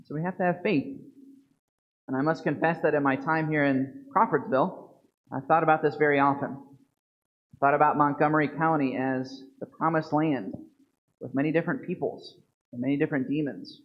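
Priest in his thirties, measured homily at the lectern mic, slightly raised pitch, muffled church-stream sound. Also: steady tone. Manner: earnest, measured preaching with slow emphatic stresses. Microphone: fixed lectern microphone. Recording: dull lo-fi church video stream.

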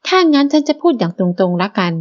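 A woman's voice: mid-range voice, very animated, fast, darkish tone, dull audio, close to an everyday voice. A woman reading an audiobook, voicing a petulant, jealous young woman. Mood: irritated. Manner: petulant, pouty.

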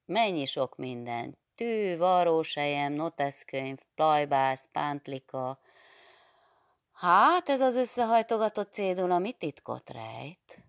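Egy nő felolvasásában fanyar humorú fiatal pap-tanár. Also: female voice, low voice, lively intonation, clear, resonant tone, no room sound, pitched above the performer's own voice. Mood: probing. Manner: dry ascetic humor, half-stern, probing. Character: stern, wry young male priest teacher.

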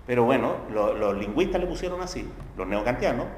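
A man's voice: animated, fairly quick. A man with a Chilean accent giving a university philosophy lecture in a conversational way, checking understanding with tag questions and acting out quoted voices. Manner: acts out quoted voices with sharp pitch jumps. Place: lecture hall. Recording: echoey hall, faint background noise.

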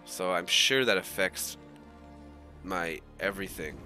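A man's voice: deep voice, a little slow, bright, forceful tone, faint music behind. A man casting a live strategy game match, talking loosely in rambling play-by-play with swearing and restarts, his voice still groggy from just waking up. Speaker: esports caster.

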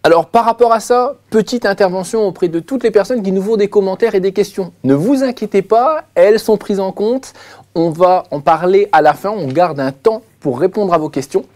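A man moderating an online webinar, asking questions in a lively, joking way with fillers. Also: high-pitched, normal speed.

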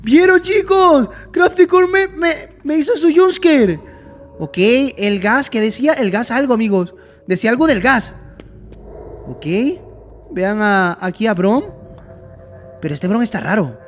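Excitable high-voiced man gaming. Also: measured pace, long pauses, faint music behind. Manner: chatty and excitable, talks to viewers as friends, yelps at scares. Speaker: gaming YouTuber. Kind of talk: excited let's-play commentary.

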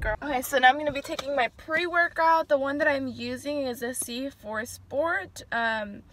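A woman's voice: fairly high pitch, fairly bright tone, slight background noise. Chatty young woman vlogging on a phone. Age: young adult. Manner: chatty and profane, with many fillers. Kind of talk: casual vlog chat. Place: home, then car. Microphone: phone camera.

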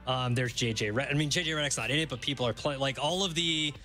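A man's voice: medium pitch, fast, pushed and bright, faint music behind. A young man at a radio studio mic, reading sports news items steadily with frequent fillers. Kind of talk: casual news rundown. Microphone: studio mic with headphones.

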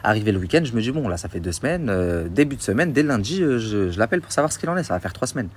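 A man's voice: on the low side, sing-song, very fast. A man indignantly retelling a dispute in a casual phone story, recorded on a phone. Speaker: storyteller in a social media story.

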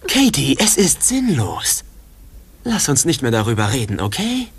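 A woman's voice: very deep voice, wildly swooping pitch, measured pace, breathy edge, exaggerated voice. A woman dubbing a self-centered, ambitious teenage boy who talks in an indignant, then pleading way. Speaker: dub actor.

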